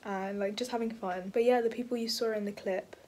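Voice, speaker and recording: A woman's voice: medium pitch, steady tone, brisk, darkish tone, slight background noise. A young woman, a university student, narrating her week in a casual vlog, chatty and full of fillers. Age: young adult.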